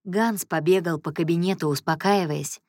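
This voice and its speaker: A woman narrating an audiobook, giving the characters their own voices with higher pitch and more volume. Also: moderate pace, darkish tone, no echo, studio quality.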